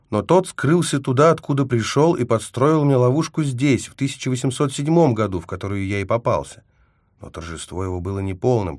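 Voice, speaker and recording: Deep-voiced man reading a wry story. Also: darkish tone, no room sound, clean studio sound. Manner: wry, self-mocking storytelling. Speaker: audiobook narrator. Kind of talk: first-person novel narration.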